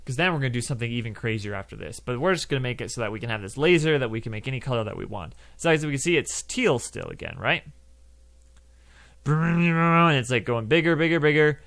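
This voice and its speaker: A man's voice: medium pitch, lively intonation, racing, gravelly, few pauses, fairly bright tone. A young man hosting a casual coding tutorial, chatting loosely through each step with lots of fillers. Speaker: game development tutorial host.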